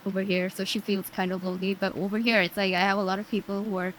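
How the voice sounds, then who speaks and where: A woman's voice: mid-range voice, level tone, quick pace, a bit bright, a little hiss or hum, poor audio. A woman speaking candidly and casually in a documentary interview. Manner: casual, candid, filler words.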